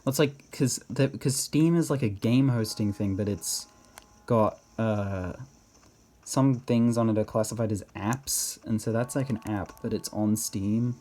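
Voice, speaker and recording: Rambling over his own game, he thinks out loud and keeps doubting himself in a hesitant manner. The voice is fairly low and dark in tone, delivered a little slowly.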